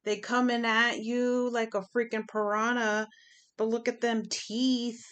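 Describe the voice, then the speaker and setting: A woman's voice: fairly high pitch, flat delivery, measured pace, fairly bright tone, smooth. A woman giving a chatty pick-a-pile tarot reading, emphatic and fond of repeating her phrases. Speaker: tarot reader.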